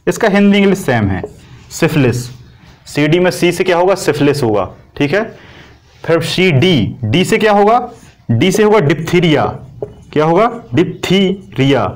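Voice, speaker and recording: Higher-pitched man teaching a class. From India. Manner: repetitive, asks and answers own questions. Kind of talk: coaching class lecture.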